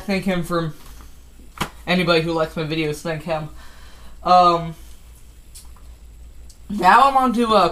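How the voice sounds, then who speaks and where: With a high, slightly bright voice, a fifteen-year-old boy rambles through a casual collection update vlog about his toys. He uses many ums and keeps restarting and correcting himself.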